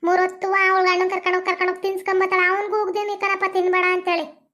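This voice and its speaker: A woman's voice: very high-pitched, monotone, bright, forceful tone. A woman playing a nagging middle-aged village mother-in-law with a North Karnataka Kannada accent. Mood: lecturing. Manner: nagging, scolding, fast complaining.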